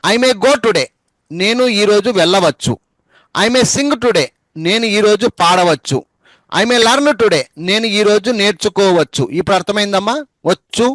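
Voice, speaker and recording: A man's voice: high-pitched, expressive, unhurried, a bit bright, no echo. A male English teacher, patiently spelling words letter by letter and repeating them for his students. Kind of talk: spoken English lesson over a group call.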